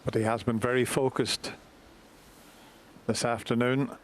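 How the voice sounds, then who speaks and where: A man giving measured, unhurried live snooker commentary as the commentator. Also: medium pitch, little pitch movement. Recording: light noise and crowd in arena. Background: snooker hall crowd and ambience.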